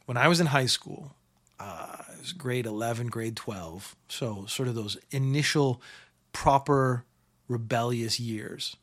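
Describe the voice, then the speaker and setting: A man's voice: mid-range voice, measured pace. A middle-aged man hosting a show, casually telling a rambling story and repeating phrases for comic effect.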